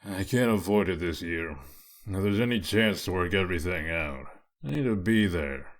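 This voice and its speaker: Casting: low-voiced male actor as tough wolfish lawman for a comic dub; deadpan, commanding, bitingly dry. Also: normal speed. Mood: brisk, commanding. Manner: sardonic, deadpan, authoritative. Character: gruff, sardonic werewolf lawman, commanding and dry. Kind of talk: dramatic comic-dub voice acting.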